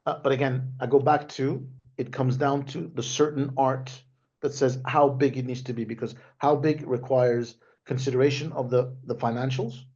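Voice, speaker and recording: A tech executive who grew up in Denmark speaks as a webinar guest on a remote video call, casually restarting his phrases and punctuating points with "right?" His medium-pitched voice is a little mellow, with fairly even intonation and a moderate pace, and the video call mic cuts off the highs.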